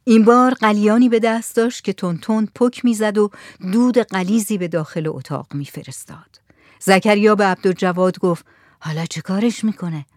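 Brief: woman narrator, measured audiobook reading, very dry close mic. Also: mid-range voice, dry recording.

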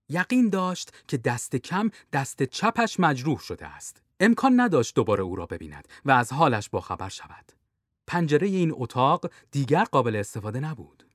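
A man narrating a thriller audiobook in a lively, expressive way. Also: mid-range voice, no echo, clean studio sound.

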